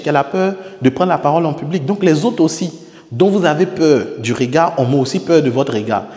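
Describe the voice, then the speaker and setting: A man's voice: a little high, darkish tone. A man, coaching public speaking in a lecture, repeating key words and acting out examples. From Côte d'Ivoire. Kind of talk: lecture to camera. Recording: echoey room with long reverb.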